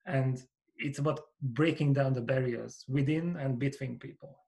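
A man's voice: mid-range voice, creaky, dark tone. Hungarian-accented man on a headset mic. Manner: earnest, measured, explanatory. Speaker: company founder, guest. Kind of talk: podcast interview over video call. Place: small home office with bookshelves. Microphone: over-ear headset with boom mic.

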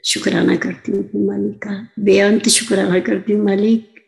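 A woman's voice: medium pitch, flat delivery, moderate pace, vocal fry, rough recording. An older woman earnestly telling a devotional story on a video call, often addressing the listeners as sangat ji. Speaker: satsang speaker.

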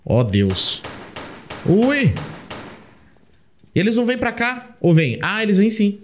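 Excitable Brazilian man narrating a game. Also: sits high, takes it slowly, a little hiss or hum. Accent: Brazilian Portuguese. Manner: chatty, excitable, talks to the game character. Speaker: gameplay commentator. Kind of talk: casual let's play commentary.

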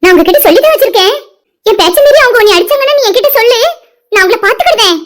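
A protective cartoon mother, voiced by one performer, pitched far up with a firm, coaxing Tirunelveli Tamil delivery. She talks steadily and reassuringly. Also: animated, racing, fairly bright tone. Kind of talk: cartoon voice acting.

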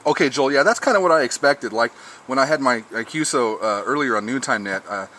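Outdoors at a patio table by a lawn, a man speaks casually while trying out his amateur radio setup. His voice is medium in pitch and a little fast. Faint background noise can be heard in the outdoor recording.

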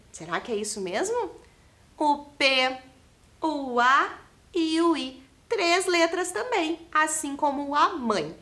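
A woman's voice: high voice, sharp tone. A woman with a Brazilian Portuguese accent, teaching a lesson to young children. She spells out letters and syllables and keeps asking the class questions. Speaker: primary school teacher. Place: classroom studio for televised lessons.

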